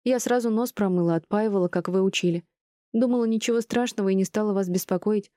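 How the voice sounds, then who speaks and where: A woman's voice: medium pitch, fast talker, mellow, dry recording, studio quality, voice pushed up, natural voice. Woman voicing a tired young daughter-in-law. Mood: anxious.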